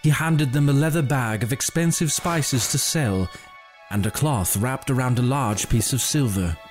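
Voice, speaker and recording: A man narrating a scripted story in a measured, dramatic storytelling manner. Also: mid-range voice. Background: faint music.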